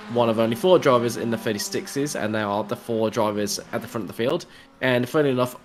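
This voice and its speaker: A man calls a sim race in a chatty, analytical way, breaking into light jokes. His voice sits a little low. A faint hum runs under the recording. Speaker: race commentator. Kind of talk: sim racing commentary.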